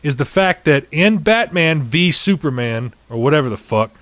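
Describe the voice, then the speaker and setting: This podcast host's voice is on the high side and a bit bright, with lively intonation at normal speed and no room sound. He's in his thirties, speaking into a tabletop studio condenser mic, chatting and ranting in a profane, opinionated way on his casual show.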